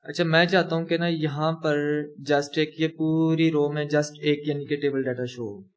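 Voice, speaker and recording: There's a little hiss or hum behind this young man's fairly high, level voice as he walks through a coding lesson at moderate pace. Typing as he talks, he describes each step and corrects himself in this screen-recorded tutorial.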